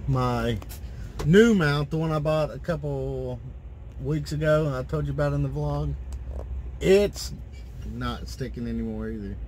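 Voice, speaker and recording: A man's voice: a little high, a little slow, darkish tone, a little hiss or hum. A man in his thirties, an owner-operator truck driver, rambling in a frustrated casual vlog rant from inside his parked truck cab, filmed on a phone held at arm's length. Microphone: phone camera at arm's length.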